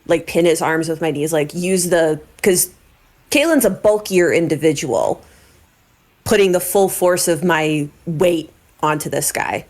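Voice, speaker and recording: A woman's voice: low-pitched, measured pace, darkish tone. A woman playing a tabletop game, asking tentative questions about her move. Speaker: player. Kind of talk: casual tabletop play.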